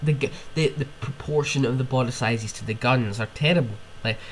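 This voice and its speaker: A young man sick with a cold hosts a solo podcast, ranting in a loose, casual way with sniffs and swearing. His mid-range voice moves briskly, with a little hiss or hum behind it.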